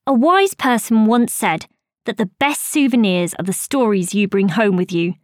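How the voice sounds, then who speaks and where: A woman telling a first-person story as scripted narration, expressive and rising high on surprise and excitement. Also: moderate pace, no room sound, clean studio sound.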